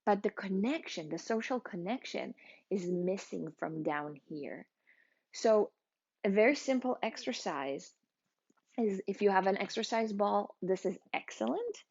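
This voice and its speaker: A woman talking informally to camera as a wellness practitioner, explaining a grounding exercise in halting, conversational phrases. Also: medium pitch, expressive, darkish tone, breathy edge, lo-fi sound. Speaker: energy healing practitioner giving a wellness exercise.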